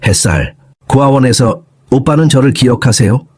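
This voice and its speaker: A man voicing a shy, tearful young woman who is the younger sister, in an audio story, with a husky voice. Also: mid-range voice, expressive, normal speed, a little mellow, dry recording, clean studio sound, pitched above the performer's own voice. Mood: soft.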